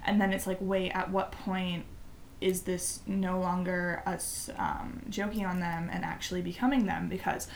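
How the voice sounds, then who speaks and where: Young woman, casual podcast chat, rambling, giggly, gravelly fry. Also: on the low side, level tone, measured pace, slight background noise. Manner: giggly, rambling, lots of fillers. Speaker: podcast co-host.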